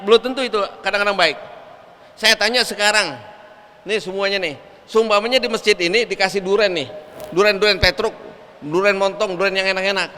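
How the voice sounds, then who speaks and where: A male preacher giving a lively, colloquial sermon in a mosque. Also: sits high, brisk. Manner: lively storytelling, colloquial asides. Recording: echoey mosque hall.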